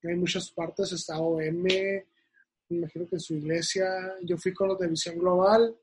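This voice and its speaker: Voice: medium pitch, fairly even intonation, moderate pace, a little mellow, slight background noise. A podcast host with a Mexican Spanish accent, asking questions and urging listeners with enthusiasm. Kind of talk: casual interview.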